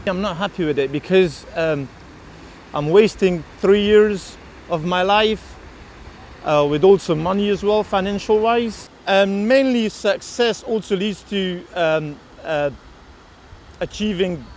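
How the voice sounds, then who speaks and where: A young male student answering interview questions hesitantly, with many pauses. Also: high-pitched, a little hiss or hum. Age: young adult. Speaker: university student. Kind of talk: casual interview.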